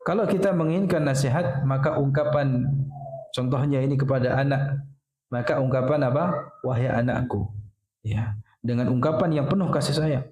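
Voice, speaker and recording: A man's voice: medium pitch, moderate pace, darkish tone. A man preaching at a mosque study session, who poses questions and answers them himself, with frequent "ya". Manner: explains by asking and answering his own questions, frequent "ya". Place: mosque hall. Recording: echoey mosque hall.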